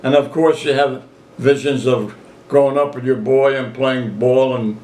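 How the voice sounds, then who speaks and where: A man's voice: medium pitch, steady tone, unhurried, a little mellow. A man in his eighties reminiscing casually in an interview, a folksy storyteller who repeats his phrases and quotes people as he goes. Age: 80s. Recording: roomy, echoey home recording.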